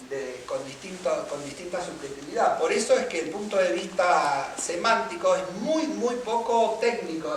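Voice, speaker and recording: High-voiced man lecturing in an echoey room. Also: a little hiss or hum. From Argentina. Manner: explanatory, asks listeners for agreement. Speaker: music lecturer. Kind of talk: seminar lecture. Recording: echoey room, mic far off.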